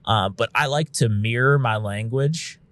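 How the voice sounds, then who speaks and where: Here a male paramedic and instructor speaks in an unhurried, mid-range voice with a slightly bright quality and no room sound. His podcast chat is frank and conversational, sprinkled with the odd swear word, and he performs quotes of what he tells patients.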